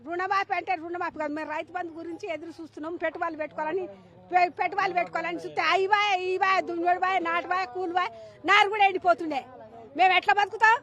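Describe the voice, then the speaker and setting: A woman's voice: very high voice, fairly even intonation, rapid-fire, a bit bright. A woman farmer with a Telangana Telugu accent, speaking outdoors in a news interview in a pleading, aggrieved way. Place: outdoors among fields.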